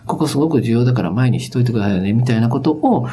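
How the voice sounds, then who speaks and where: A man's voice: mid-range voice, lively intonation, racing, mellow, slight background noise. A man speaking as a business consultant on a podcast, explaining things in a casual, conversational way.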